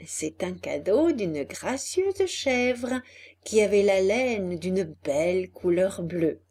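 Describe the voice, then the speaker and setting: A woman voicing a small, wise male cricket who speaks in a calm, measured, lecturing way in a storybook reading. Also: medium pitch. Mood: stern.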